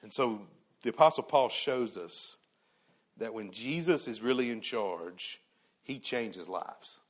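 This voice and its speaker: A man preaching a sermon to his church, animated, asking rhetorical questions and dropping from loud bursts to hushed tones. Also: fairly low pitch, takes it slowly. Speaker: pastor.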